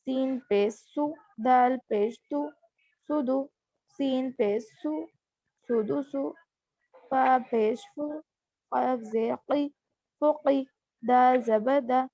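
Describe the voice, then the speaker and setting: A woman teaching Quran reading, spelling out syllables one by one and adding quick explanations. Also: sits high, gravelly, dark tone, no room sound, dull audio. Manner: spells each syllable slowly, then explains in quick asides. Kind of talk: slow drilled lesson recital.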